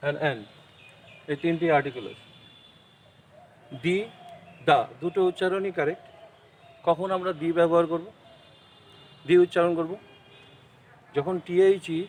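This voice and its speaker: Man, Bengali accent, school teacher, online lesson, slightly high voice, unhurried. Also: a little hiss or hum, low-quality recording. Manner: slow, deliberate explaining, mixing English with Bengali. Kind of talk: online class lecture.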